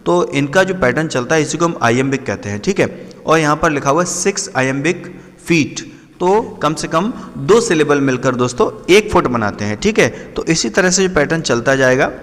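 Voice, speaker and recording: Man teaching with slow read-out definitions. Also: fairly high pitch, lively intonation, fairly bright tone, big-room sound. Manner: slows down sharply to read English definitions; repetitive, checks in often with the listener. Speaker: exam-prep English literature teacher. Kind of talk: explanatory lesson.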